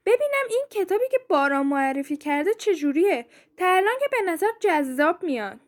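Woman co-host, very high voice, brisk and bossy. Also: big pitch swings. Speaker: podcast co-host. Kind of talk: casual chat.

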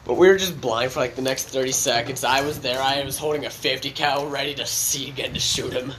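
A man's voice: mid-range voice, steady tone, brisk, a bit bright. A young man co-hosting a casual podcast chat, joking around and laughing often. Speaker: podcast co-host. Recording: noisy podcast recording.

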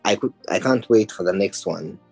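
A man's voice: on the low side, moderate pace, creaky, darkish tone, breathy edge, faint music behind. A young man from Uganda, a podcast guest who speaks casually and hesitantly. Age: young adult. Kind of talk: casual interview.

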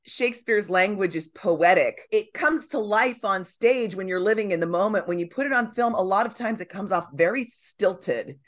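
A woman on a podcast as a guest and dramaturg, telling lively stories about stage and film. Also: mid-range voice, moderate pace, hardly any pauses. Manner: animated storyteller, acts out quotes. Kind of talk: casual chat.

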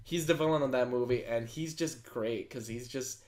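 A man's voice: mid-range voice, normal speed, darkish tone. A man co-hosting a podcast, chatting casually and rambling with enthusiasm, laughing often. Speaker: podcast co-host. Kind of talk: casual chat.

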